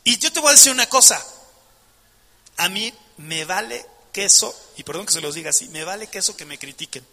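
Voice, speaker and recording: High, bright-voiced man preaching. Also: lively intonation, brisk, big-room sound. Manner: passionate, emphatic preaching with rhetorical questions. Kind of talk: sermon.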